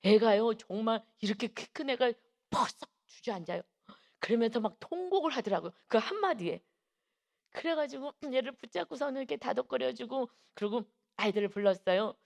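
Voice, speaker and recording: A woman pastor giving an early-morning sermon, telling a personal story earnestly and swinging from hushed tones to emphatic ones. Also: on the high side, animated, fairly quick, gravelly. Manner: earnest storytelling, acting out quoted voices.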